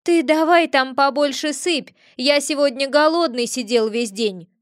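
A woman voicing a greedy, excitable male cat familiar who whines and protests loudly. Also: sits high, a little slow, dry recording, studio quality, pitched above the performer's own voice. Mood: grumbling. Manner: whiny, indignant, loud.

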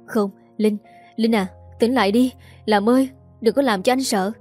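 Brief: woman playing a steady young boyfriend, soft and soothing, mellow tone. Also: on the high side, normal speed, faint music behind, natural voice. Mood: tender. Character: young man, calm and protective lover.

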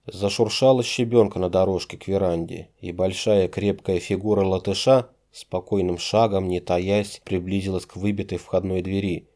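A man narrating an audiobook in a measured, dramatic reading. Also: low-pitched, warm tone. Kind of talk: scripted narration.

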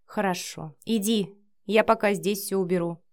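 Brief: woman voicing a jealous, hot-headed young woman for an audiobook; sharp, emotional delivery. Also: medium pitch, normal speed, natural voice. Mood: soft.

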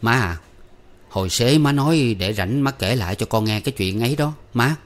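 A man voicing a young adult son who argues defensively with his mother, sheepish but quick to anger. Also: mid-range voice, expressive, close to an everyday voice. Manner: pleading, defensive.

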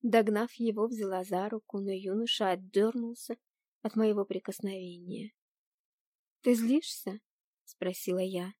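Woman, calm first-person audiobook narration, mellow dark tone, dry studio sound. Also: medium pitch, moderate pace, dry recording.

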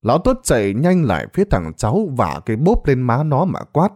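A man narrates a ghost story with dramatic delivery. His pitch swings widely across lines. His voice sits in a middle register. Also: huge pitch swings, fairly quick, darkish tone. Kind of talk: scripted narration.

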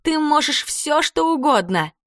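A woman voicing a small, gentle sea ghost girl who speaks in a soothing, coaxing way. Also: sits high, animated, measured pace, no room sound, clean studio sound, voice pushed up. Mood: reassuring.

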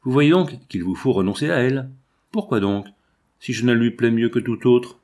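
A man reading aloud and voicing a composed, worldly middle-aged gentleman with a calm, assured manner. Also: mid-range voice, moderate pace, natural voice.

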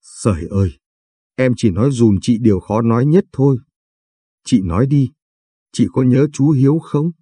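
A man voicing a mischievous teenage boy teasing his older sister in an audio story, playful and teasing, with a dark, husky voice. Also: mid-range voice, lively intonation, moderate pace, long pauses, dry recording, studio quality. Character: cheeky teenage boy, mischievous little brother.

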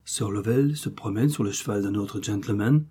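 Man voicing a timid, servile innkeeper for an audiobook; fretful and eager to please, mellow with a slight huskiness. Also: lowish voice, normal speed, husky. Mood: deferential. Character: nervous, deferential male innkeeper.

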